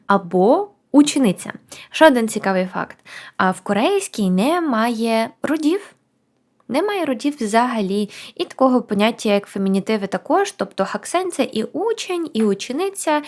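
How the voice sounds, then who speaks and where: A woman teaching a language lesson, counting down before each new word and repeating it slowly. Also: mid-range voice. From Ukraine.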